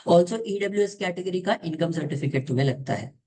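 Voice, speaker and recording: A man's voice: sits high, a little fast, mellow. A young man, giving an informal, direct lesson to viewers and switching between Hindi and as he explains. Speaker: exam coaching tutor.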